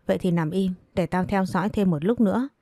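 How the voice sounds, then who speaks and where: A woman's voice: mid-range voice, brisk, mellow, no echo, studio quality, lightly acted. A woman voicing a bossy young master who is a doctor, talking bluntly and giving orders. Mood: stern. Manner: blunt, commanding.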